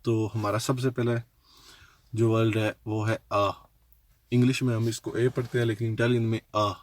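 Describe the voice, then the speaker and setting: A man's voice: on the low side, flat delivery, moderate pace, a little mellow. A man hosting his own casual language tutorial, patiently spelling out letters one by one and leaning on fillers. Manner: leans on fillers and restarts. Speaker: language teacher, channel host. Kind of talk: casual home-made tutorial.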